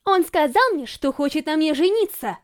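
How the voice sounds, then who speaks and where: Brief: a woman reading as a hot-tempered young princess, raised and lively, quick to scold. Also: high voice, voice pushed up. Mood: commanding. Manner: indignant, scolding. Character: fiery young princess, sharp-tongued and stubborn.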